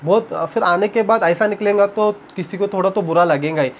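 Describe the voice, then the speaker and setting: A man's voice: high-pitched, fairly quick, slight background noise. A young man, chatting casually in a home vlog and retelling a story with animation. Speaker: vlogger. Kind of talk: casual chat. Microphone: camera on tripod.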